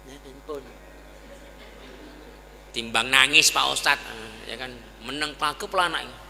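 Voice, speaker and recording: A man's voice: medium pitch, unhurried, vocal fry, pushed and bright. A man preaching a sermon in a folksy, conversational way, often asking the audience to agree. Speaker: Islamic preacher. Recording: echoey hall with long reverb.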